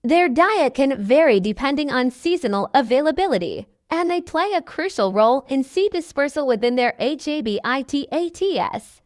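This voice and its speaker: Female nature documentary narrator, high voice, lively intonation, measured instructional read. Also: no echo, studio quality.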